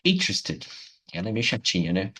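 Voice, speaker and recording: A man from Brazil teaching an English lesson on video, with a fairly low, husky voice. He patiently repeats words slowly and keeps checking in with his viewers. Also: expressive.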